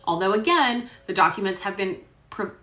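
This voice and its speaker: A woman voicing a male attorney making a formal, measured courtroom argument, as a dramatic reading of a court transcript. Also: mid-range voice, animated, a bit bright, lightly acted. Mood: earnest. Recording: roomy echo.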